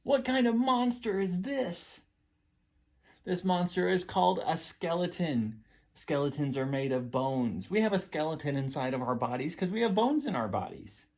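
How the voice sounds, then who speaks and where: Storytime presenter, kindergarten teacher voice: encouraging, simple, drawn-out words for toddlers, medium pitch. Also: a little mellow. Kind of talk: children's storytime, teaching, reading aloud and singing.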